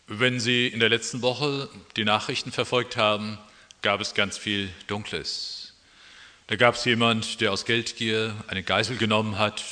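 Predigt: Mann, sachlich erzählend, im hallenden Raum. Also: male voice, fairly low pitch, sharp tone, in a large hall. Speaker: preacher. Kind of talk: sermon.

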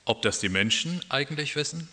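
Ein Mann, der in einer Fabel einen einfältigen Ochsen spricht. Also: male voice, on the high side, expressive, brisk, pushed and bright, voice pushed up. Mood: beschämt. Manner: crude, then sheepish. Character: simple-minded ox, fond of drink and sleep.

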